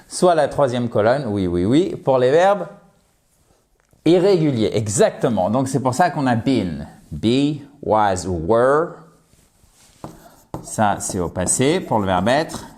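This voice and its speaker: A man explaining English grammar to viewers in a lively, direct way, joking about his own slips. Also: mid-range voice. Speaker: English teacher.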